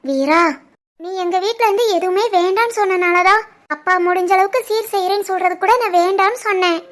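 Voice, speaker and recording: A woman doing a meek, soft-spoken young bride. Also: very high-pitched, fairly quick. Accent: southern Tamil Nadu village dialect. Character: gentle, timid young village bride, a doctor.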